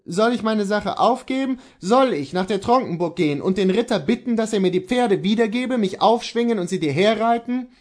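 An earnest, steadfast horse dealer speaks tenderly but firmly to his wife, as a male reader plays him. His slightly raised voice rises and falls with lively conviction. Storybook reading of a classic tale. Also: high-pitched, voice pushed up. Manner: earnest, measured, gently persuasive.

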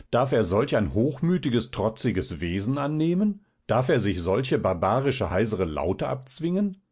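A man's voice: fairly low pitch, husky, full character voice. A man doing a boisterous, mocking young student. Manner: loud, laughing, teasing.

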